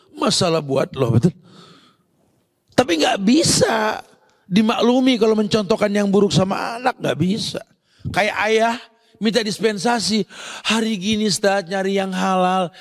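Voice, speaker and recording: A man's voice: sits high, creaky, long reverb tail. A man preaching a sermon to a congregation, talking to his listeners directly and acting out parents and children. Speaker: Islamic preacher.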